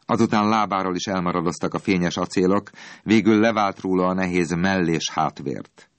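A man reading a storybook aloud in an expressive, dramatic storytelling manner. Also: low-pitched, no echo. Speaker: narrator.

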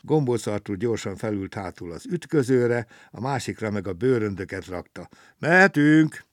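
A man with a fairly low voice reads a children's story aloud, lively and expressive. The sound is close and dry, with no room echo. His telling shifts easily with the tale.

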